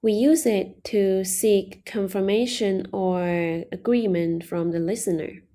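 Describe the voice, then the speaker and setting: A woman leads an online language lesson at an unhurried pace. Her voice is soft and mellow, and she patiently explains each step. She slowly models every example phrase. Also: mid-range voice, fairly even intonation. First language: Mandarin Chinese. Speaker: Chinese language teacher.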